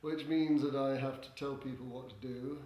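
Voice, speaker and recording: An older man answering interview questions as a theatre director, in a hesitant, halting way with droll, tongue-in-cheek humour. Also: medium pitch, fairly even intonation, dark tone. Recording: echoey room with background noise.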